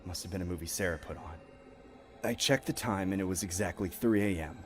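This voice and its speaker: A man's voice: low voice, a little fast. A man narrating a scripted horror story in a tense, dramatic manner.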